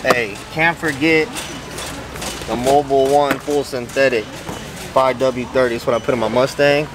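A man's voice: medium pitch, fairly even intonation, measured pace. A young man vlogging casually while shopping in a big warehouse store, joking and slangy. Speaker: fitness vlogger. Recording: noisy store ambience.

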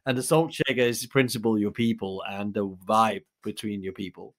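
A man's voice: on the low side, steady tone, moderate pace, a bit bright. A man hosting a podcast interview, asking questions and reflecting in slightly non-native English. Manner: non-native phrasing, slightly broken grammar. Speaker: podcast host.

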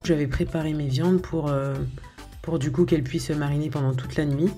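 Over footage of her home cooking, this woman chats informally about her recipes with music in the background. She has a deep, steady voice and talks fairly quickly, often hesitating, filling pauses, and starting over.

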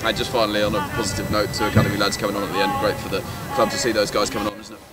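A man interviewing at a rugby ground, asking rapid, leading questions outdoors at night. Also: lowish voice, flat delivery, over loud music. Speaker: club interviewer. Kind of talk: post-match interview questions.

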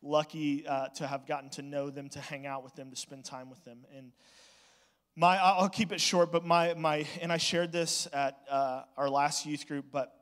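Emotional youth pastor in a reverberant hall. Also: male voice, on the high side, fairly even intonation, fairly bright tone. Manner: emotional, halting, with frequent restarts. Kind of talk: heartfelt church address to graduating students.

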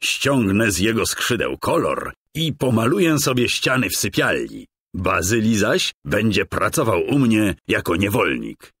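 Gloating dark lord villain from a kids game, man putting him on, slow and raised, husky. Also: lowish voice, sing-song, no room sound, pitched above the performer's own voice, full character voice. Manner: mocking, gloating, slow and drawn out. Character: male lord of darkness, sly treasure-hoarding villain.

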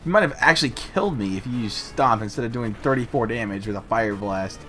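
A man's voice: medium pitch, lively intonation, a little fast, sharp tone, soft background music. A man giving casual, profane, jokey commentary while playing a co-op game. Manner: profane, jokey, laughs often. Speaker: co-op let's play host.

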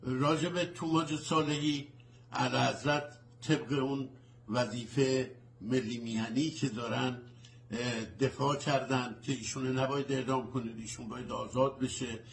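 Male caller, mid pitch, formal, halting delivery. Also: steady tone, gravelly, slight background noise. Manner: formal, hesitant with many fillers.

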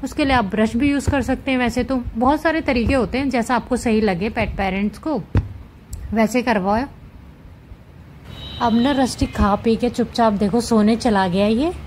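A woman vlogging casually at home with her cats, chatting gently to viewers as she handles them. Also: a little high, moderate pace, a little hiss or hum. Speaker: cat vlogger. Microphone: camera set up nearby.

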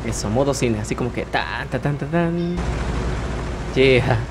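A man's voice: mid-range voice, animated, a little slow, over music. A young man with a Mexican Spanish accent, chatting casually as he comments on his own gameplay and repeats words when things get tense. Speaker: gaming streamer. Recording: loud game engine noise behind.

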